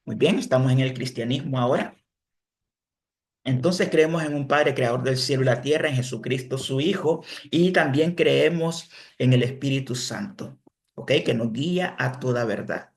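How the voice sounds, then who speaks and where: A man giving an online religion lesson, explaining step by step, pausing to correct himself and checking in with his listeners. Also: mid-range voice, creaky. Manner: self-correcting, pauses to fix slips. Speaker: religion teacher. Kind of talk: online class lecture.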